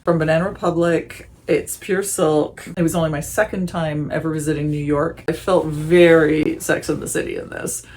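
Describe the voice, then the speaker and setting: A woman's voice: sits low, steady tone, normal speed, hardly any pauses, darkish tone. A woman vlogger chatting casually and enthusiastically as she sorts her summer clothes. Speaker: fashion vlogger. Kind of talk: casual chat.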